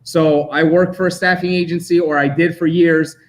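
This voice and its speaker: A man's voice: fairly high pitch, level tone, normal speed. A young man from Armenia who grew up in Los Angeles, a talkative collector guest chatting casually and laughing easily. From Armenia, raised in Los Angeles. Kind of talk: casual chat.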